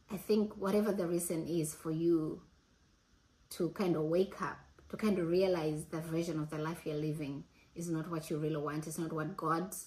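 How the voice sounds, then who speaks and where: A woman in her late forties talking earnestly and reflectively to her audience, pausing and restarting as she gathers her thoughts. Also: sits low, a little mellow, poor audio. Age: 40s. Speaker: host. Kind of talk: reflective casual talk.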